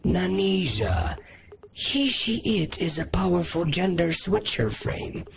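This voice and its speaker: A man's voice: high voice, sing-song, takes it slowly, gravelly, a little hiss or hum, voice pushed up, heavily acted. A man putting on a mocking, over-the-top male announcer voice, drawing out his words. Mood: mock ominous.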